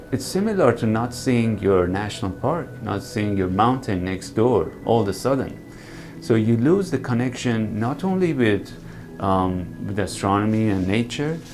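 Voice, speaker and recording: This night sky photographer from Iran is a man in his forties with a low, earnest voice. Giving a documentary-style interview monologue, he sounds calm and thoughtful, pausing now and then with slight hesitations.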